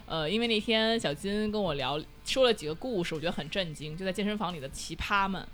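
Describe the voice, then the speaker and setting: A woman hosting a casual chat show, teasing her guests and quick to laugh. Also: mid-range voice, a bit bright, soft background music. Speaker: podcast host.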